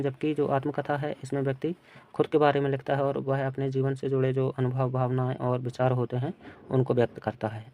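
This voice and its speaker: Question by question, an Indian male teacher goes through an exam paper, reading each aloud before giving the answer in a plain, even manner. He speaks in a mid-range voice.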